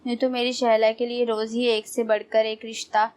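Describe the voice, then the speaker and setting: A woman narrator voicing a sharp-tongued, prying middle-aged mother in a storybook. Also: on the high side, little pitch movement, clean tone, natural voice. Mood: needling. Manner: needling, sarcastic.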